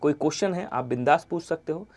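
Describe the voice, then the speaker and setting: A man teaching an online Hindi exam-prep class, who answers his own questions in the voice of his students and lets the ends of his sentences fall quiet. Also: a little high, quick pace. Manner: repeats answers in imagined student replies, drops to quiet trailing endings.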